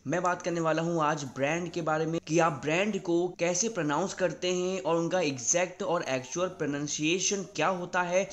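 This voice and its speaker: A young Indian man giving a casual video lesson, repeating words slowly and often checking with "right?". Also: a little high, fairly even intonation. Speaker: English teacher.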